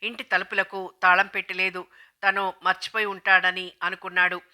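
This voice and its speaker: Bright-voiced woman narrating a novel. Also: on the low side, level tone, normal speed. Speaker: audiobook narrator. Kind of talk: scripted narration of a detective novel.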